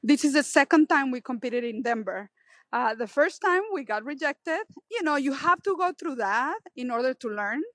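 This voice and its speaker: Excited high-pitched woman business owner. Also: normal speed, dry recording. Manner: excited, rambling with repeated words. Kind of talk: interview answers.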